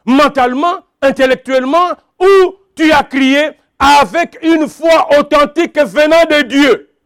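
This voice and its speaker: A man's voice: very high voice, unhurried, fairly bright tone, dry recording, clean studio sound. A man preaching a sermon, emphatic and repetitive, calling out to his congregation. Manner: emphatic, repeats phrases, calls out to the congregation.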